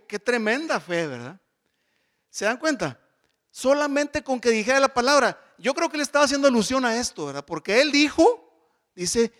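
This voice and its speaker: A man with a notably high voice leads a Bible study class. He explains passages patiently and keeps checking that his listeners follow along. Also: fairly bright tone.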